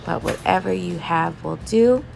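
A woman chatting casually as she cooks in her home kitchen, relaxed and loose, with laughs and fillers. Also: lowish voice, measured pace, gravelly, faint music behind. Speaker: home cooking vlogger. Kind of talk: casual cooking voice-over.

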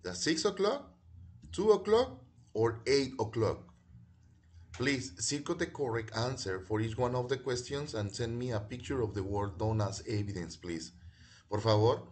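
Male English teacher, unhurried, repeats each word for young pupils. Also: on the low side. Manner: repeats words slowly for pupils. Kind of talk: bilingual classroom video lesson.

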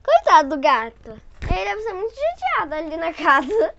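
A woman's voice: very high-pitched, big pitch swings, moderate pace, creaky, background noise. A woman reading a children's picture book aloud, breaking off for chatty asides and giggles. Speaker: storyteller. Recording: dull dry home recording.

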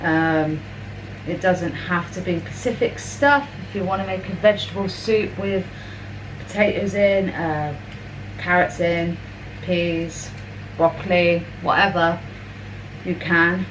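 Cooking in her home kitchen, a young vlogger speaks in a fairly low voice and takes her time. A counter-mounted camera at mid-distance picks her up against a noisy background where a washing machine is running.

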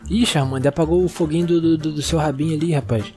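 A young Brazilian man talks through a video game in an excitable, exclaiming way, calling out to the creatures on screen. His voice sits a little high for a man. Faint music plays underneath. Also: quick pace. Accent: Brazilian Portuguese. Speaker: gaming YouTuber. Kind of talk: let's-play commentary.

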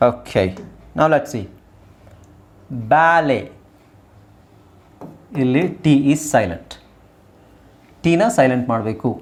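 Animated teacher drilling words. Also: male voice, medium pitch. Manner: repeats words slowly for drilling. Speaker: English teacher. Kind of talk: pronunciation lesson.

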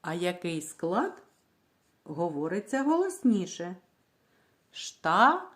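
Woman, teacher, slightly low voice, very slow, clear syllable-by-syllable reading lesson for children. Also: big pitch swings, a little mellow. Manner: asks questions and answers them herself. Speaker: primary school teacher. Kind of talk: literacy lesson for young children.

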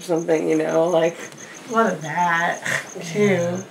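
A woman's voice: lowish voice, fairly even intonation, measured pace, vocal fry. A woman sleep talking in rambling, disjointed phrases in a bedroom at night. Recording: noisy roomy bedroom recording, far from mic.

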